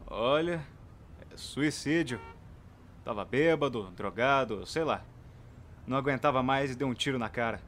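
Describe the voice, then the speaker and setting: Man acting as smug police detective, slangy, brash, dismissive, average pitch, faint outdoor noise, crime comedy-drama. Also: moderate pace, long pauses, a bit bright, natural voice.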